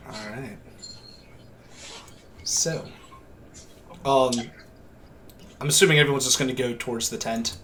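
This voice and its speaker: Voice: medium pitch, unhurried, long pauses, fairly bright tone, slight background noise. A casual, informal game master who swears freely while narrating a tabletop game.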